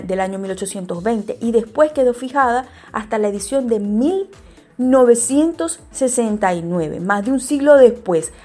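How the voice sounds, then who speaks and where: A woman teaching spelling rules, talking straight to her listeners and often pausing with fillers and restarts. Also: mid-range voice, mellow. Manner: hesitant, many fillers and restarts; addresses listeners directly. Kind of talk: explaining spelling rules to viewers.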